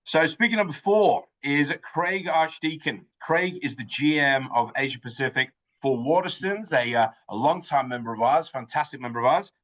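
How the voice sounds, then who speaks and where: A man's voice: fairly high pitch, normal speed, few pauses, fairly bright tone, rough recording. Effusive, upbeat man hosting an online meeting. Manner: effusive and upbeat, with frequent restarts and fillers. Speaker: host of an online networking event. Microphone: video call.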